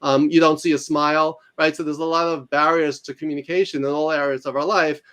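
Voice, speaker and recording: A man with a New York accent, a guest author and teacher, talking fast and explaining with examples in a casual interview. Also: a little high, level tone, a bit bright, smooth.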